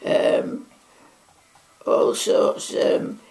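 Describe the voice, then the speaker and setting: Extremely slow and darkish in tone, this woman in her nineties speaks with a Mancunian accent, being from Manchester. She wanders chattily through memories of the war for an oral history interview at home in her living room, adding lots of asides.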